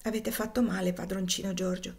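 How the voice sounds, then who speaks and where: A woman voicing a gentle, devoted older male slave, speaking softly, low and slowly, in a pleading way. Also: flat delivery, gravelly, close to an everyday voice. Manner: soft, low and slow, pleading.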